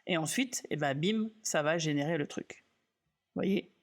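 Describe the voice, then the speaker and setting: Man, casual live tutorial, relaxed, self-mocking, thinking aloud, lots of fillers. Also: fairly high pitch, a little slow. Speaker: graphic designer teaching software on a live stream.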